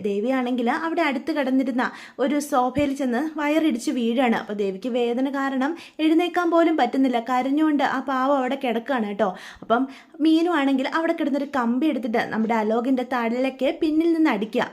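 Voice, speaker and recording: High-voiced woman, casual serial recap, chatty asides. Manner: chatty, tags lines with asides to listener. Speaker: storyteller.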